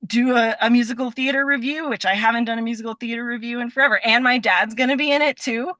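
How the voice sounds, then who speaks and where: Recorded dry and close with no room sound, a young woman from Nevada who acts on stage and in voice work chats casually on a podcast. Her bright, forward voice sits at ordinary pitch with a steady tone, and she speaks fast, effusively and ramblingly, peppering her talk with "like".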